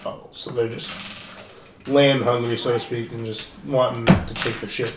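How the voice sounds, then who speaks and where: A man's voice: medium pitch, flat delivery, unhurried, far from the mic. Rambling man, a bit off-mic. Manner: long rambling sentences with fillers. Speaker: player. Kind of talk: casual tabletop game talk. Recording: echoey, off-mic, faint noise.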